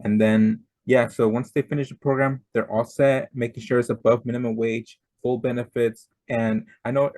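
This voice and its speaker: A man's voice: medium pitch, little pitch movement, moderate pace, hardly any pauses, darkish tone, no room sound. Young guy on a panel, laid back, dry close sound. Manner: casual, listing. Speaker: outreach coordinator. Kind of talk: panel introduction.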